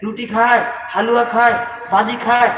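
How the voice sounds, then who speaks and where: A man preaching an outdoor sermon, shouting and asking rhetorical questions. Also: extremely high pitch, flat delivery, moderate pace. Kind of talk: Islamic sermon storytelling. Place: outdoor gathering by a busy road. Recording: echoey distant loudspeaker outdoors with traffic noise.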